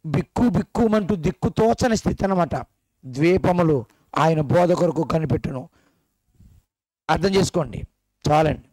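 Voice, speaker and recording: A man with a fairly high voice delivers a sermon at a church gathering. He keeps throwing questions at his listeners and teases them along the way. The recording is dry and close, with little room sound. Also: normal speed, pauses often, warm tone, no echo. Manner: questions the congregation directly and teasingly. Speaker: preacher. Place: church meeting hall.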